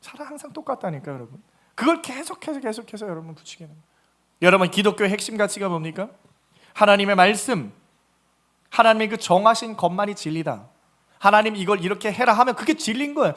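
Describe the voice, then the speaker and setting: A man's voice: high voice, expressive, fast, fairly bright tone. A male pastor giving a Sunday sermon, preaching with animation and acting out quoted voices.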